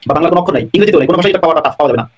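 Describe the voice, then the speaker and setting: A man answering questions on a live stream, talking very fast in a somewhat high, husky voice. He explains at length and repeats his phrases to press his points home. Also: lively intonation. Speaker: guest scholar answering questions. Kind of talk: live online talk, answering callers.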